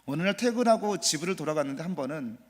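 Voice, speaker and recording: A man preaching a Sunday sermon as pastor, building to loud emphatic repetitions and dropping to soft, near-whispered asides, with rhetorical questions to the congregation. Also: a little high, animated, fast. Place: church sanctuary. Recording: long church reverb.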